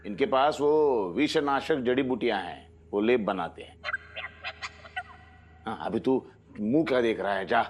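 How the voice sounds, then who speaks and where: A man's voice: medium pitch, unhurried, pauses often, lightly acted. An actor playing a fussy, self-assured middle-aged father in a TV sitcom, explaining and giving orders. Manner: instructive, bossy, giving orders. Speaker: father of the bride. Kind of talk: TV sitcom acting. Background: background music.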